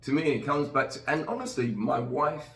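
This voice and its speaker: Earnest and rambling, a middle-aged podcast host from Nigeria keeps restarting his sentences in a casual chat. He talks briskly in a mid-range, slightly bright voice with vocal fry and big pitch swings, recorded far from the mic in a roomy space.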